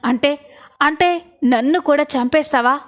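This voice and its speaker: An angry young woman presses her brother-in-law for the truth, fierce and accusing, read by a woman in her own voice. The pitch is high and light in this storybook retelling. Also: measured pace. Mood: furious.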